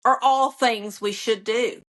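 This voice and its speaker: A woman co-hosts a relaxed yoga podcast in a bright, slightly high voice. She speaks slowly and playfully, drawing out her phrases, and laughs often. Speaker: podcast co-host, yoga teacher. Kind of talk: casual chat.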